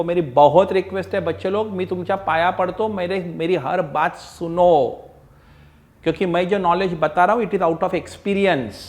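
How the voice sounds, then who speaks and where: Male tutor, fairly high voice, pleading, repetitive online lecture delivery. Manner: coaxing, repetitive, mixes Marathi, Hindi and English; acts out student replies. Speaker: accounts teacher.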